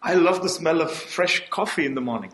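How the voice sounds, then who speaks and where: A man who grew up in the Middle East, preaching a sermon in a measured style and pausing for an interpreter. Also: fairly high pitch, lively intonation, fairly bright tone, echoey room. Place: hall without audience.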